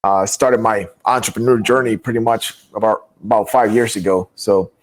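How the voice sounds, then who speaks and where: A man's voice: on the low side, fairly even intonation, moderate pace. Laughing young man from Guatemala. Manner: laughs often, repeats words when starting. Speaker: podcast guest, entrepreneur. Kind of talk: casual chat.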